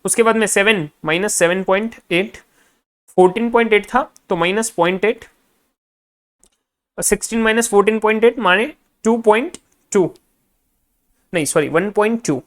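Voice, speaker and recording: A man's voice: sits high, moderate pace, long pauses. A male finance lecturer in a recorded class, adding up figures aloud half to himself and coaching students directly.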